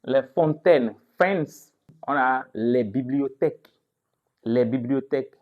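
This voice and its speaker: A male teacher walks through a vocabulary lesson at an unhurried pace, in a voice of ordinary middle pitch. He puts a question to his listeners, answers it himself, then says each new word again and again so they can copy the pronunciation. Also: narrow, tinny audio. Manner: repeats each word slowly for drilling; asks the class questions, then answers them. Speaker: English teacher.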